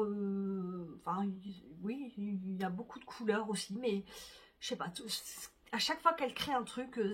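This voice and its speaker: Woman, knitting vlogger, slightly high, husky, chatty and unscripted, filler-heavy. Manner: chatty, many fillers, soft asides. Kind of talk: casual chat to camera.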